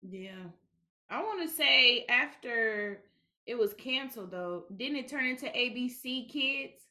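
A woman with a bright, slightly high voice in casual conversation. She speaks in an animated, opinionated way. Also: unhurried. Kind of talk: casual chat.

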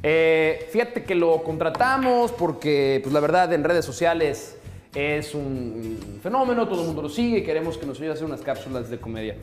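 Animated Mexican man telling stories. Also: a little high, moderate pace, echoey room, faint music behind. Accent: Mexican Spanish. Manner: animated storytelling, mock-pompous asides. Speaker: sports commentator. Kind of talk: casual podcast chat.

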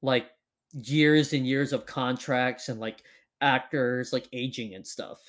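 A man's voice: medium pitch, steady tone, slow, fairly bright tone. A young man hosting a casual chat, rambling with lots of fillers. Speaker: podcast host.

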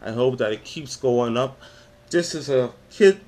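A man's voice: medium pitch, a little slow, darkish tone. Man, twenties, Bahamian accent, podcast host, faith talk, spoken word poet. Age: 20s. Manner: recites poetry with rising dramatic intensity.

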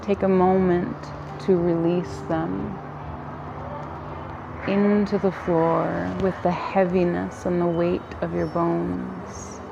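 A woman guiding a yoga nidra relaxation in a calm, soothing, gentle manner with long pauses between phrases. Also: fairly low pitch, vocal fry, highs cut off, noisy background. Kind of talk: guided relaxation meditation.

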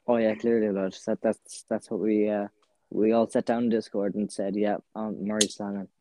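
A man's voice: fairly low pitch, flat delivery, moderate pace, dark tone, no echo, low-quality recording. A man joining a podcast as a guest, firing off dry sarcastic quips. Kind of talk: casual chat.

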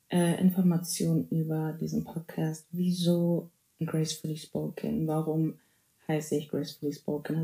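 Her voice sits low, creaky and warm, and the room echoes around it. She's a podcast host in her twenties from Bavaria, Germany, running a playful, chatty solo show in German peppered with English phrases. "Amen" and "hallelujah" pop up often.

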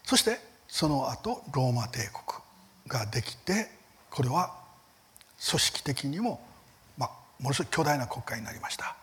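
A man giving a Bible seminar lecture, earnest and emphatic, with rhetorical questions and line ends that fade to a near whisper. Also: moderate pace. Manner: lively rises in pitch on key words, soft fading line ends. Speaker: Bible teacher.

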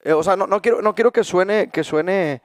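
A young man with a Mexican Spanish accent hosting a casual podcast, telling animated stories and acting out quotes. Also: high voice, moderate pace, no room sound, studio quality. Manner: animated storyteller, acts out quotes in raised voices. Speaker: podcast host.

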